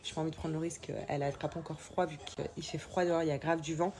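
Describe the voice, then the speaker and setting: A young woman with a low voice, stuffed up and nasal from a sore, swollen-sounding throat. She chats informally to her followers, hesitating as she goes, like a mother sharing her day. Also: fairly even intonation, quick pace, noisy background. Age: young adult. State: coming down with a cold, sore throat. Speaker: mother vlogging about family life. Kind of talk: casual chat to followers.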